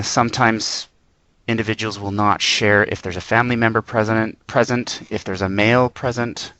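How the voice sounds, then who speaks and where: A man giving an informal instructional presentation, explaining plainly in short, measured points. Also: lowish voice, sharp tone, no echo, poor audio. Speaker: presenter on working with interpreters.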